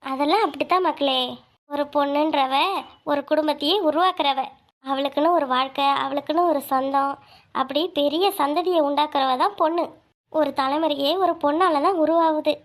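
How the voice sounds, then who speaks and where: A woman's voice: high voice, steady tone, voice pushed down, natural voice. Woman doing a frail, tender old mother. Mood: gentle, wise. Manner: slow, pleading and affectionate. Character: ailing elderly mother, tender and worried. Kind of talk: cartoon voice acting.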